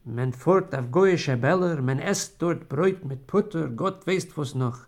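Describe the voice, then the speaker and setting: A man's voice: fairly high pitch, a little slow, darkish tone. A man reading a story aloud in a solemn, theatrical way. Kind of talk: dramatic literary reading.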